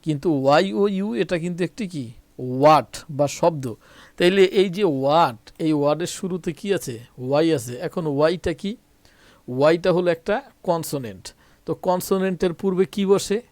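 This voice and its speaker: A man's voice: fairly high pitch, fairly quick, dry recording. A man with a Bangladeshi Bengali accent teaching English grammar, repeating points and speaking to viewers directly. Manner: repetitive, addresses viewers directly, self-corrects. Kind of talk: explaining a lesson to viewers.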